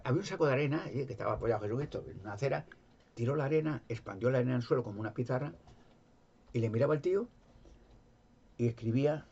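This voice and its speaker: A man with a Spain Spanish accent tells a Bible story casually, circling back and repeating himself as he goes. His voice is husky and slightly raspy. The sound is dull and lo-fi. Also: medium pitch, darkish tone. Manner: rambling, repetitive, folksy. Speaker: religious storyteller.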